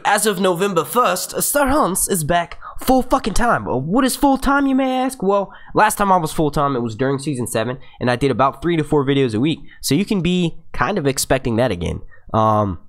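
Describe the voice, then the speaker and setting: Here a man in his twenties from the United States, youthful-sounding with a fairly high pitch and fairly bright tone, runs a casual live stream and reads out the chat. His talk is rambling and chatty, packed with fillers and profanity.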